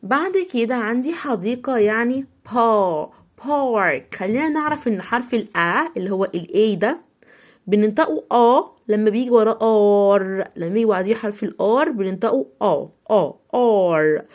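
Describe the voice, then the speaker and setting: An Egyptian woman teaching English words to young children, with a voice pitched a little high. She breaks each word into small sounds, stretches them out slowly, and says every word several times. She keeps asking the listener to say the words along with her. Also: expressive. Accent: Egyptian Arabic. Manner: has the listener repeat after her. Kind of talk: spelling-out vocabulary lesson for children.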